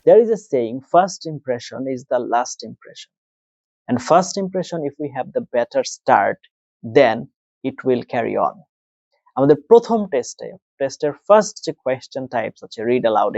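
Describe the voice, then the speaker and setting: A man teaching a test prep lesson. He asks and answers his own questions, and he slows down and spells things out when he speaks English. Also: mid-range voice, mellow, no echo. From Bangladesh. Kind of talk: tutorial lesson, mixing Bengali and English. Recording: dry, dull lo-fi sound.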